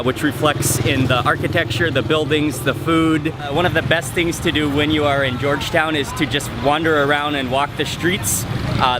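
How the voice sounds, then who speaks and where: A travel vlogger with a fairly high voice chats casually to the camera, narrating his outing as host. Music plays behind him amid outdoor street and vehicle noise, making the background noisy.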